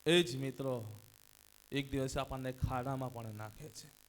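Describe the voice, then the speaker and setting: A man preaching a sermon as pastor, leading the congregation in call and response, swinging between hushed passages and loud shouted cries of hallelujah. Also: mid-range voice, a little slow. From India. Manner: repeats phrases and cries hallelujah.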